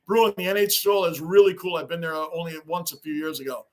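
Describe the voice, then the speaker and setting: Excitable high-voiced livestream host man. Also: brisk. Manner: talkative, excitable, shouts greetings to chatters. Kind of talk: casual livestream chat reading fan comments.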